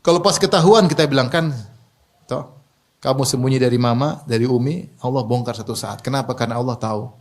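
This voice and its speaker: A man preaching a sermon in a lively, joking way, asking the audience questions and laughing at his own remarks. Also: medium pitch, a little fast. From Indonesia.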